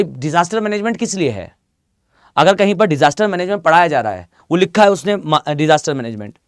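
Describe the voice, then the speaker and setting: A man's voice: on the high side, no echo. Chatty male geography teacher, dry sound. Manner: conversational, repeats himself, lots of fillers. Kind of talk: live online exam-prep lecture.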